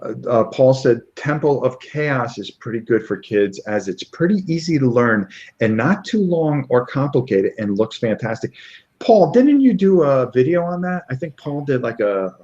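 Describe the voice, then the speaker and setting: Male host from Connecticut, mid-pitched, loose rambling delivery, lo-fi stream sound. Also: very animated, moderate pace, darkish tone. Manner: rambling, stumbles over game names. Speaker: live show host. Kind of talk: casual live-stream interview. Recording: dull lo-fi stream audio.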